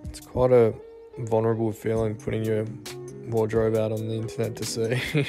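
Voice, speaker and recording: A young Australian man giving a relaxed, self-deprecating voice-over walkthrough of his renovated house. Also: fairly low pitch, moderate pace. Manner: laid-back, self-deprecating. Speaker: home renovation vlogger. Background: soft guitar music.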